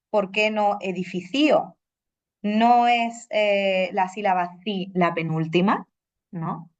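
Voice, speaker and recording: A woman giving a talk as a language teacher, explaining at an easy pace with many "eh" fillers and questioning "¿no?" tags. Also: mid-range voice. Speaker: Spanish teacher presenting. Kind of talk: conference talk with slides. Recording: dull lo-fi recording.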